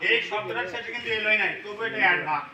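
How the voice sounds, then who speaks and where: Man, very high voice, energetic classroom drill, echoey room, distant mic, roaring student chorus. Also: rapid-fire, a loud crowd, very noisy. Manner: loud, energetic, often shouting prompts to a class. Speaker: English teacher. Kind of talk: classroom call-and-response drill. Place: large classroom full of students.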